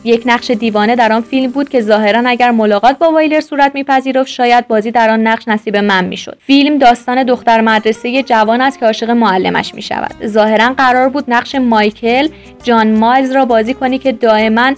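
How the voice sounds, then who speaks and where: A woman with a fairly high voice reads a memoir as scripted narration. She keeps a steady reading pace and lifts her pitch when quoting others. Soft music plays faintly behind her.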